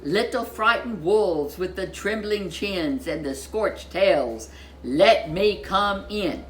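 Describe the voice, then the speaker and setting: A woman voicing a big bad male pig from a children's storybook, a taunting bully who booms out drawn-out threats. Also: expressive, a little hiss or hum.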